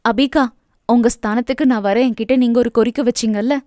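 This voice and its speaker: A woman's voice: a little high, fairly even intonation, a little fast, warm tone, dry recording, studio quality, lightly acted. A woman voicing a shy but determined young woman who speaks politely and earnestly.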